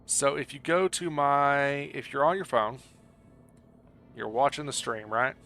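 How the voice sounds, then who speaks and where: A man streams a game and talks loosely with his audience, his medium-pitched voice sharp in tone, lively in intonation and unhurried. The chat wanders, full of jokes and apologies, over clearly noticeable background noise.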